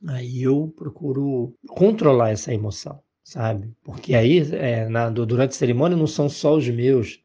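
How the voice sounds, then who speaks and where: Man, reverend, informal spiritual teaching, conversational, gravelly, dull lo-fi recording. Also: mid-range voice, mellow. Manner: conversational, many tag questions, emotional storytelling.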